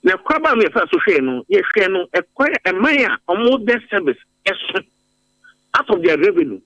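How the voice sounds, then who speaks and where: A man's voice: high-pitched, very animated, moderate pace, pushed and bright, no room sound, dull audio. A Ghanaian man giving emphatic commentary in a radio interview, repeating phrases for force. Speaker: interviewed policy analyst. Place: radio studio.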